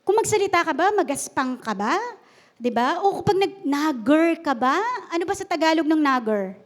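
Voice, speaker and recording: A woman's voice: high voice, lively intonation, normal speed. A woman preacher giving a humorous, conversational sermon at a church service and often asking the congregation questions.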